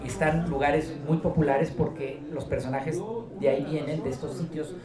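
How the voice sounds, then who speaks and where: A man from Guadalajara with a Mexican accent, an author talking about his work in a relaxed, joking way at a book presentation. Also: fairly high pitch, moderate pace, roomy sound, distant mic, music in the background. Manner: relaxed, storytelling, joking asides. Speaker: author being interviewed.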